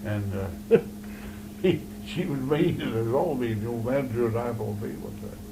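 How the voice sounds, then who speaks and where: An older man, reminiscing in a halting, folksy way in a casual interview. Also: medium pitch, animated. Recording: noisy 1981 amateur interview recording.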